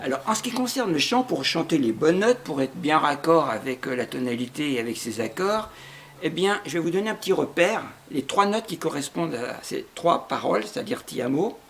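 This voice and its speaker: A man's voice: a little high, lively intonation, brisk, gravelly, fairly bright tone. A man teaching a guitar lesson step by step, patiently explaining chords and rhythm and singing short phrases to demonstrate. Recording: guitar playing along.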